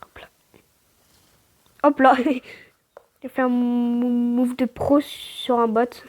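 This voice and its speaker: Une joueuse au timbre assez haut fait un commentaire de jeu décontracté. Elle trébuche sur ses mots et les répète, puis s'exclame avec vivacité. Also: female voice, fairly high pitch, slow pace. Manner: stammers, restarts words; excitable outbursts, slangy. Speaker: gaming channel host. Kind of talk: casual gameplay commentary.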